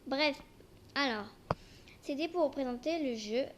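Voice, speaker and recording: Young female amateur gameplay presenter, highish voice, speech affected by braces, hesitant casual delivery, clearly noisy home recording. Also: measured pace. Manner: talks with braces, slightly impeded articulation. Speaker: amateur video creator. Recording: noisy homemade recording with clicks.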